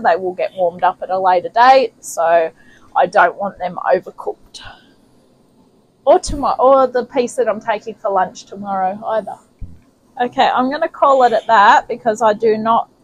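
The recording is dry and rough, carrying a woman's mid-range voice. A New Zealander hosting a home cooking video, she chats casually in her kitchen and thinks aloud at every step, picked up by a camera mic off to one side.

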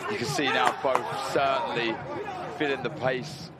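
A man's voice: mid-range voice, fairly even intonation, a little slow, a loud crowd. A man giving conversational expert boxing analysis, repeating phrases for emphasis. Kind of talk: live expert sports commentary.

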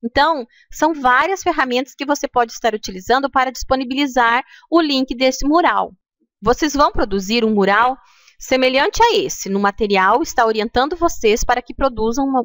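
A middle-aged Brazilian woman gives a patient, step-by-step tutorial for teachers. Her voice sits somewhat high, and she often pauses to check that her listeners follow. The recording is dry and close, with no room sound. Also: a bit bright, no echo. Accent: Brazilian Portuguese. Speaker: teacher trainer.

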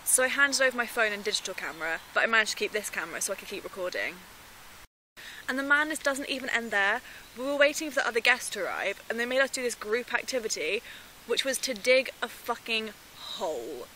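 An anxious actress as a young woman confides to her handheld camera in a found-footage film. Her voice sits fairly high and she speaks emphatically, worried and determined. There is faint noise around her. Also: animated, a little fast, pushed and bright, poor audio. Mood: uneasy, confiding. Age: 20s. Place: small room, then outdoors in bare woodland. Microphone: handheld camera at arm's length.

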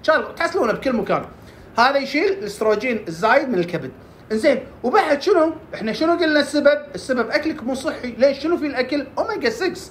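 A woman talks fast through casual health advice, firing off questions and answering them herself. Her voice sits fairly high. A faint hum runs under the recording. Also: lively intonation. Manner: quick, asks and answers her own questions. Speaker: herbal health presenter. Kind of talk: casual health tips talk.

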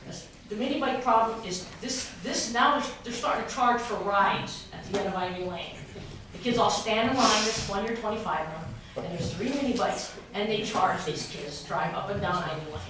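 In a large wood-paneled council chamber, a woman voices a public complaint as a resident at public comment, restarting often and getting more heated. She talks a little fast at a medium pitch with a fairly bright tone. A far camera captures her podium mic, giving a noisy, echoey, distant sound.

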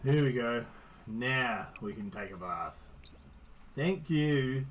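A man's voice: mid-range voice, expressive, slow pace, soft background music, low-quality recording. A man giving casual gameplay commentary, teasing and swearing at the characters he controls. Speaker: gaming streamer.

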